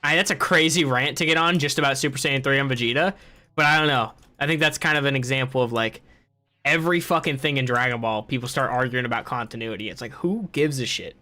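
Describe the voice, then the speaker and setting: A man's voice: mid-range voice, fast, bright, forceful tone. A young man hosting a gaming podcast, ranting in casual chat and swearing freely. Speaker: podcast host.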